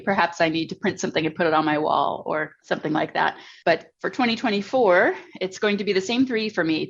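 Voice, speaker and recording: A woman talking reflectively and casually as a partner in a podcast conversation. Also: lowish voice. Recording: slightly dull, lo-fi sound.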